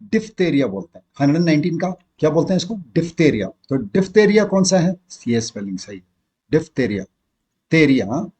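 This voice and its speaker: A middle-aged man with an Indian English accent leads an exam-prep lesson. His voice sits a little high and sounds husky. He reads example sentences slowly and spells tricky words out one letter at a time. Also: big pitch swings, mellow. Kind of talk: classroom lesson.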